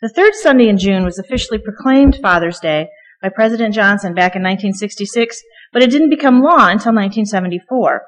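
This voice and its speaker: A woman's voice: medium pitch, lively intonation, quick pace. A middle-aged woman preaching a conversational sermon from the pulpit, chatty and joking, with frequent ums. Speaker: guest preacher. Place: church sanctuary. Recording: long reverb of a church hall.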